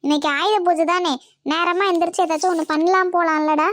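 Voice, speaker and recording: Woman acting as nagging mother-in-law, scolding, very high-pitched, dry close sound. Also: steady tone, a little fast, fairly bright tone, dry recording. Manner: nagging, berating, scornful. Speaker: skit actor. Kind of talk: comedy family skit.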